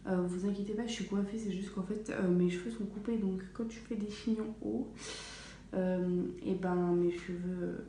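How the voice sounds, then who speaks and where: Speaking at normal speed in a steady, medium-pitched voice with a dark tone, a young woman vlogger tells a casual story from her small home bathroom. She uses lots of fillers and corrects herself often. The recording has bathroom echo, faint ambience, and slight background noise.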